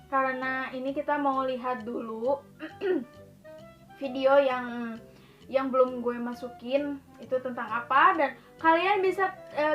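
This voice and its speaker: A woman's voice: sits high, fairly bright tone, highs cut off. A young woman chatting casually to camera as a vlogger, slangy and talkative, often laughing and calling her viewers guys.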